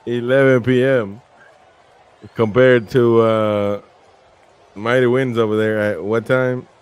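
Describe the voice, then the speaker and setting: A man's voice: medium pitch, fairly even intonation, slow, smooth. A tired man hosting a casual watch-along, calling the match play by play in a laid-back, chuckling way. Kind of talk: casual live match commentary.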